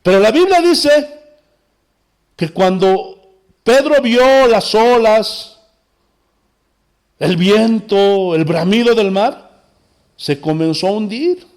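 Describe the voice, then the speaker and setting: Impassioned high-voiced male pastor preaching. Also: expressive, slow, long pauses. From Bolivia. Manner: impassioned preaching, rising to exclamations and dropping low. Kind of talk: sermon.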